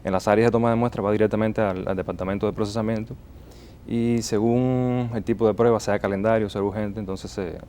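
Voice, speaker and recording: A man's voice: lowish voice, steady tone, a little fast, warm tone, slight background noise. A man with a Cuban accent, a molecular biologist explaining as a guest, with frequent hesitant fillers. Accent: Cuban Spanish. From Cuba. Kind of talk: interview answers.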